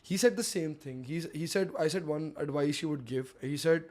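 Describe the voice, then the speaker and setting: A man's voice: on the high side, moderate pace, a little mellow. A young man hosting a podcast, affirming his guest with enthusiasm and slipping Hindi phrases into his English. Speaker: podcast host. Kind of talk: casual interview talk.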